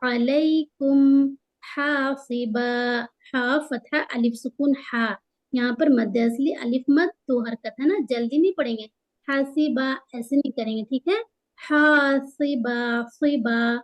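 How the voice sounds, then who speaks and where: A woman teaching Quran tajweed, patiently explaining the rules and slowing down to stretch out each recited word. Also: fairly high pitch, darkish tone, rough recording. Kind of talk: tajweed lesson, spelling out letters and drawing out recited words.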